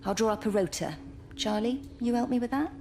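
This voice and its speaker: A woman's voice: fairly high pitch, brisk, darkish tone, a little hiss or hum, lightly acted. An actress playing a practical, decisive village woman taking charge in a video game drama. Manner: businesslike, decisive.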